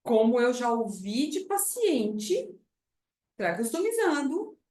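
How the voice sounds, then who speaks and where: A Brazilian woman teaching speech therapists, lively, acting out how she talks to a patient at the bedside. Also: a little high, slow pace, echoey room. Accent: Brazilian Portuguese. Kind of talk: clinical lesson with acted patient dialogue.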